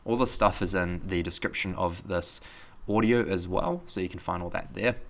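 A young New Zealand man with a deep voice and some vocal fry speaks at a moderate pace. He's a podcast host and coach delivering a casual outro, full of fillers and restarts.

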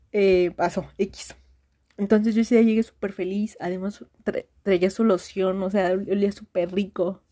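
A woman's voice: mid-range voice, fairly even intonation, unhurried, long pauses, warm tone. A young woman with a Mexican accent, telling a friend a long personal story in a casual, slangy, rambling voice message. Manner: rambling, slangy, frequent restarts and fillers.

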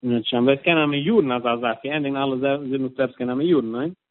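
A man's voice: mid-range voice, fast talker, no room sound. A man interviewing his guest in a casual chat, asking short questions and repeating words as he starts. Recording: tinny phone line.

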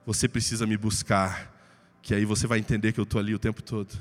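A man voicing Jesus as a calm, gentle grown man in a softer, lower voice, in a sermon. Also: quick pace, close to an everyday voice.

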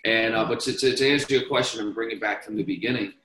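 A young Danish man, a podcast guest, talks fast about investing in a fairly low, fairly bright voice, rambling with frequent restarts and repeated words. It's casual interview talk, captured in a reverberant room on a rough recording.

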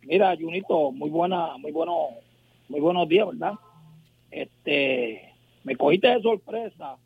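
A man with a Puerto Rican accent calling in by telephone as a sports analyst, chatting casually and filling pauses with little tag words. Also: a little high, animated, gravelly, husky, dry recording. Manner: chatty, fills pauses with "este" and "¿verdad?". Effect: heard over a telephone line. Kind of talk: casual radio sports chat. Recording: tinny dry phone line.

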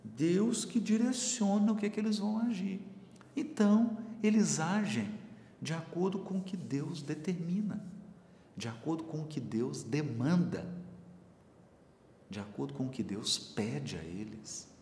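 In an echoey hall with faint room noise, a man leads a Bible study, his voice on the high side, measured and dark in tone. He explains spiritual ideas through everyday examples and poses questions to his listeners.

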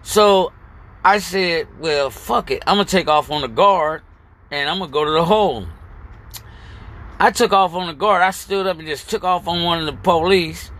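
A man's voice: fairly high pitch, normal speed, a bit bright. An older man telling his own story in a blunt, profane street manner, with many restarts. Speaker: storyteller recounting his past. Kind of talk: casual spoken memoir.

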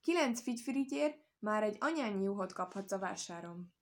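A woman voicing a clever, quick-witted little male hare in a storybook tale, talking in a lively, playful way. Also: medium pitch, close to an everyday voice. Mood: playful sly.

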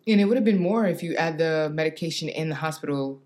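A woman with a low voice joins the conversation on a faith podcast. She chats casually and playfully, with lively, animated retellings. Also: quick pace. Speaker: podcast co-host.

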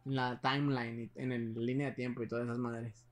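A man's voice: mid-range voice, flat delivery, a little fast. A young man with a Mexican Spanish accent, casually telling a ghost story in a rambling, slangy way with many restarts.

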